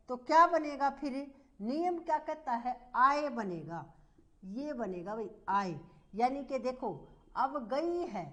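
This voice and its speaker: Slow-paced woman teaching grammar. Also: high-pitched, fairly bright tone. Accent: Hindi. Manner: slow, repetitive, asks the class questions. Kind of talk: grammar lesson at a board.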